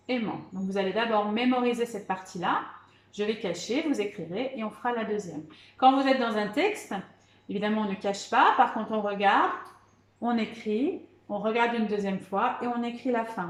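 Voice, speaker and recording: A woman's voice: mid-range voice, normal speed, reverberant. A woman teaching young children, patiently spelling words letter by letter and encouraging them as she goes. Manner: encouraging, repeats "d'accord" and "très bien". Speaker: primary school teacher. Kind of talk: remote spelling lesson for children.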